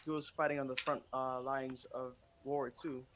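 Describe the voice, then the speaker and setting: A man's voice: medium pitch, level tone, a bit bright, a little hiss or hum. A man hosting a gaming stream, telling a long joke in casual chat with rambling fillers. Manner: rambling storyteller, halting fillers. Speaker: streamer host.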